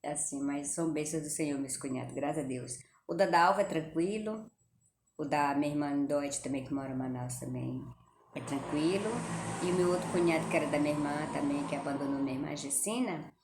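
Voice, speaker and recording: A middle-aged woman with a Brazilian accent talks to her viewers in a casual, chatty way, her voice sitting a little low. She speaks straight to the audience and sprinkles in religious phrases. The recording is echoey, with a faint hum of room ambience behind her. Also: fairly quick. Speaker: vlogger. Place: home kitchen.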